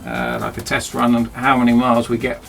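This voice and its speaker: A man's voice: mid-range voice, completely flat delivery, brisk, gravelly, fairly bright tone, soft background music. A man chatting casually and self-mockingly as he rambles through a DIY project in his cramped home workshop. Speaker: DIY video host.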